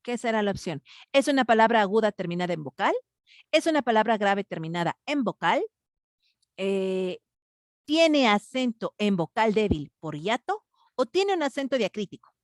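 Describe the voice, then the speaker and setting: A woman's voice: mid-range voice, big pitch swings, normal speed, no echo, studio quality. A woman with a Mexican Spanish accent teaching an online grammar class, patiently questioning students and thinking aloud with fillers.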